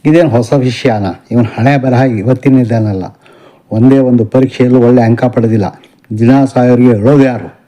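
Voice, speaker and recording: A man voicing an angry, stern middle-aged father in an audio novel, scolding with gruff commands. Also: medium pitch, steady tone, moderate pace, warm tone, lightly acted.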